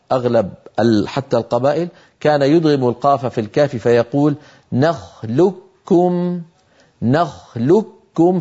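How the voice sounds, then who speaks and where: A man gives a patient tajweed lesson, explaining how Quranic sounds are formed and slowly sounding out the example syllables. His voice is warm and mellow. The recording is a little dull and lo-fi. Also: medium pitch. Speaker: Quran recitation teacher.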